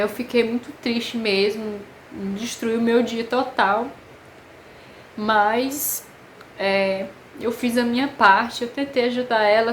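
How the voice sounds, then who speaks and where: A woman with a Brazilian Portuguese accent, telling a personal story to camera in an emotional, halting way with many pauses. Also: on the high side, slight background noise. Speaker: vlogger. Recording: echoey room with faint ambience.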